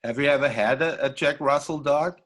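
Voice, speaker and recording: A man's voice: a little high, a little fast, a bit bright. A man interviewing a guest, asking questions in an easygoing way and laughing along. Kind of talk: casual interview.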